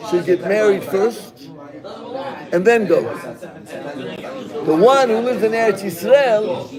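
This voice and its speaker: Man, rabbi, animated lecture, higher voice, chatter of a class around him. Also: slow. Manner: animated, joking, calls on students by name. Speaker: rabbi teaching a Talmud class.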